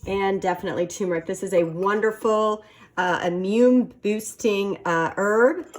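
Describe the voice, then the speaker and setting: A woman hosting a casual cooking demonstration, talking in a halting way with many fillers and playful, flirty asides. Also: medium pitch. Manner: halting, filler-heavy delivery. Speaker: cooking video host.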